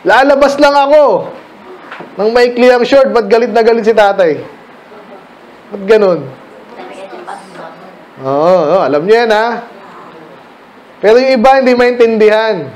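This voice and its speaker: A middle-aged Filipino pastor giving a casual Bible study talk to children, questioning listeners by name. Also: male voice, sits high, animated, measured pace, long pauses, a little mellow.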